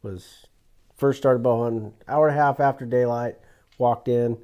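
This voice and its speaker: A man in a relaxed podcast conversation, spinning a hunting yarn with lively energy. He slips into the voices of the people in his story. His pitch sits at an ordinary middle height for a man. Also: moderate pace, lo-fi sound. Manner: animated storyteller, acts out quoted lines. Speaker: guest telling hunting stories. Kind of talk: casual podcast chat.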